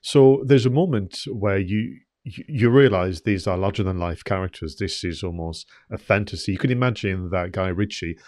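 A man with a very low voice talks through a film in a relaxed podcast chat. His delivery is thoughtful and measured. The sound is dry and close, with no room around it. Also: no room sound. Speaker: podcast co-host. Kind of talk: casual film review chat.

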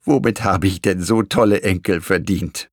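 A man voicing a kindly, caring older grandmother in a storybook reading, gentle and sighing. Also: mid-range voice, lively intonation, moderate pace, no room sound, studio quality, natural voice. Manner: gentle, warm-hearted, sometimes sighing.

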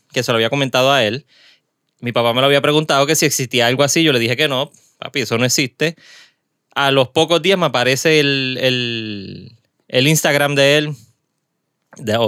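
Chatting casually in a small studio interview, a Puerto Rican man who hosts a podcast laughs often and wanders into asides, speaking with a Puerto Rican Spanish accent. He has a medium-pitched, fairly bright, smooth voice, recorded without echo.

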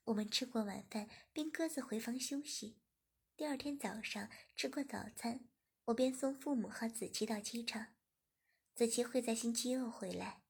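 High, husky woman reading a story. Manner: plain, steady storytelling. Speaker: narrator.

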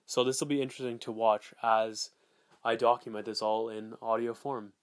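A man's voice: mid-range voice, level tone, moderate pace, no room sound, studio quality. A man hosting a solo podcast, recorded as a voice memo on a phone recorder app, talking in a rambling, self-assured way with lots of filler words and swearing. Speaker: podcast host.

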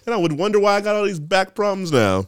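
A man's voice: high-pitched, lively intonation, fast talker, smooth, dry recording. A man in his thirties co-hosting a podcast, talking casually in a laid-back, wry way. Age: 30s. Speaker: podcast co-host. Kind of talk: casual chat.

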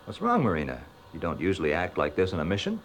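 A man's voice: sits low, huge pitch swings, quick pace, heavily acted. An actor playing an earnest, dutiful male submarine officer in a puppet adventure series. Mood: concerned. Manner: earnest, firm.

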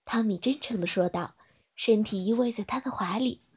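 A woman narrating a story in a soft, steady reading voice. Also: medium pitch, moderate pace, slightly rough.

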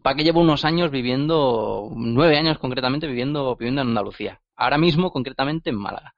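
A podcast co-host with a Catalan accent who talks in a hesitant, stammering way and often repeats himself. His voice has a middle pitch. The recording is dry and slightly dull. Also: fast, no room sound. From Barcelona, Spain. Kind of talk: casual podcast chat.

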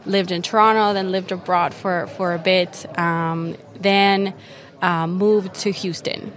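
Young woman from Venezuela, eager explainer with fillers, lower voice, interview at a conference. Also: fairly even intonation, takes it slowly. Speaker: guest, retirement account specialist. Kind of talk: conversational interview. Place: busy conference floor.

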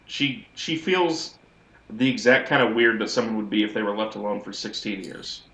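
A man's voice: fairly low pitch, steady tone, normal speed, a bit bright. A man co-hosting a podcast, giving a wry, rambling recap of a TV episode in casual chat. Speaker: podcast co-host. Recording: echoey audio, as if in a sewer.

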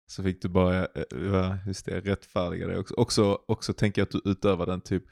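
Very deep, gravelly man. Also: little pitch movement, a little mellow, no room sound, studio quality. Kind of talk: casual chat.

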